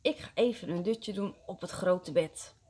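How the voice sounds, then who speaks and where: A woman voicing a sleepy, lazy male house cat in a children's story, talking drowsily, low and soft. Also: moderate pace, slightly rough.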